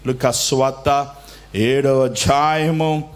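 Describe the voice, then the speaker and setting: A man preaching a sermon as pastor, swinging between loud exclamations and soft low phrases and slowing down to stress words. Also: fairly even intonation.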